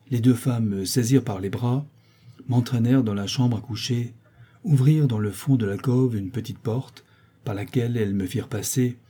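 A man narrating a classic novel as an audiobook with a measured, expressive reading. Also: medium pitch, slightly rough.

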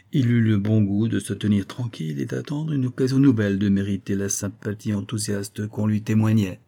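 A man reading a novel aloud as an audiobook narrator, steady and expressive. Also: medium pitch. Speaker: audiobook reader. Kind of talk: scripted narration.

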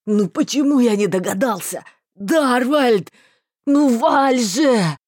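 A woman voicing a loyal, hot-tempered young male mage who shouts in loud anguish and fury. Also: a little high, expressive, takes it slowly, no room sound, studio quality. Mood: desperate.

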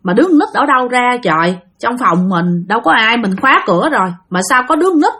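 A woman's voice: a little high, big pitch swings, fast talker, sharp tone, slightly rough. A woman with a Southern Vietnamese accent, a channel host retelling listeners' stories in a chatty way that speaks straight to her audience. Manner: chatty, addresses listeners directly. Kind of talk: casual storytelling narration.

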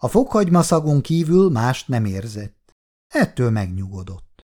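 A man narrating a family story, low and lively. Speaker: reader.

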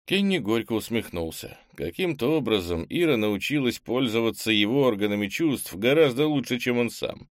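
A man narrating a novel as an audiobook in calm, even storytelling. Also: mid-range voice, normal speed, hardly any pauses, dry recording, clean studio sound. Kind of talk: scripted narration.

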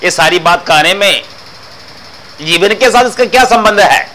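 A man's voice: sits high, lively intonation, a little slow, pushed and bright, slight background noise, rough recording. A man teaching philosophy in an explanatory lecture style, repeating phrases and asking rhetorical questions.

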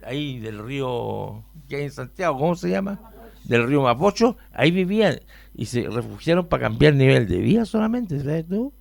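A man with a Chilean accent rambles through a personal story, his gravelly voice leaping from loud bursts to muttered asides. The sound is dry and close, with lively rises and falls in pitch. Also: no room sound. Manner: animated, swings from loud to mumbled asides. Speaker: patient telling his story on a radio show.

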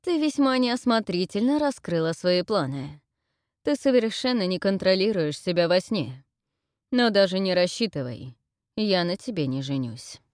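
A woman's voice: on the low side, lively intonation, moderate pace, darkish tone, no echo, natural voice. A brutish, rude king growls his threats and scorn, as a woman reader puts him on. The sound is dry and close, like a storybook recording. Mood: menacing.

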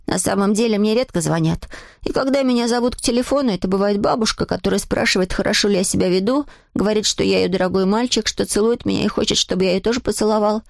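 A woman reading a children's story aloud as an audiobook narrator, lively and expressive. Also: medium pitch, fast talker, gravelly, dry recording, studio quality.

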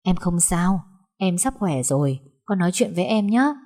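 Lady doing a gentle dad, soft and low, storybook. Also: lively intonation, normal speed. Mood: tender. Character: worried gentle young father.

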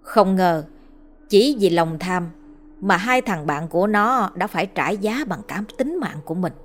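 Woman narrating a ghost story, low voice. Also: expressive, faint music behind. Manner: measured, somber storytelling. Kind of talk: scripted horror story narration.

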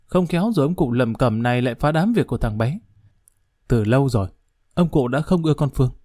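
A man narrating an audiobook in a steady, even storytelling manner. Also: medium pitch, brisk, no echo, studio quality.

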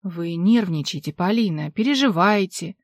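A woman voicing a calm man who speaks slowly and quietly to soothe a distressed woman, in an audiobook reading. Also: sits high, no room sound, studio quality. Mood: soothing. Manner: slow, quiet, hushed.

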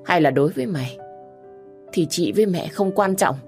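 A woman voicing a bossy older sister who scolds loudly and harshly. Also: on the low side, lively intonation, moderate pace, faint music behind, voice pushed up. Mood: scolding.

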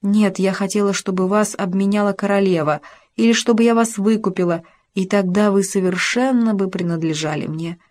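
A woman's voice: medium pitch, steady tone, moderate pace, darkish tone, close to an everyday voice. A woman voicing a proud young noblewoman in an audiobook, reading her lines in an earnest, reproachful manner.

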